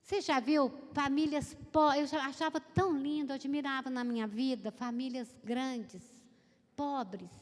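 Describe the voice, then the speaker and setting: A middle-aged Brazilian woman preaching a sermon as pastor, telling stories with lively acted-out voices. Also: high voice, unhurried. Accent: Brazilian Portuguese. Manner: animated storytelling, acts out quoted voices. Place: church hall. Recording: long hall reverb.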